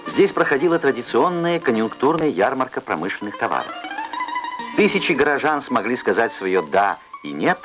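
A man's voice: medium pitch, big pitch swings, moderate pace, music in the background. A man narrating an old Soviet newsreel from a script, with a formal announcer's delivery. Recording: noisy 1980s archive newsreel soundtrack.

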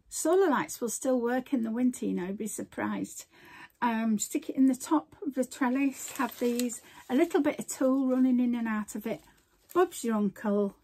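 At home, an older woman who vlogs about crafting shows off her supplies in a casual show-and-tell chat, rambling and cutting herself off mid-sentence. Her voice is on the high side with a darkish tone, and a little hiss or hum can be heard.

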